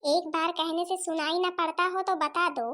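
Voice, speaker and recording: Woman doing a scheming aunt, cartoon, sarcastic, scolding, Awadhi accent, very high voice. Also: steady tone, moderate pace, bright, forceful tone. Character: scheming shrewish young aunt by marriage. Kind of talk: cartoon voice acting.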